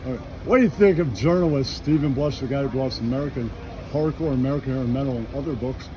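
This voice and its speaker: Talking fast in a mid-range voice, a male interviewer stops people on a noisy urban street and asks blunt questions in rapid succession, keeping things casual. Traffic can be heard throughout.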